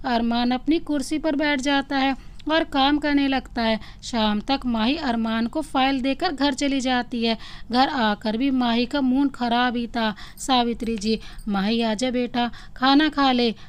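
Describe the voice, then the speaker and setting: Clear-voiced woman storyteller. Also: high-pitched, fairly even intonation, measured pace. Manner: plain reading, announcing each speaker's name. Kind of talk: scripted story narration.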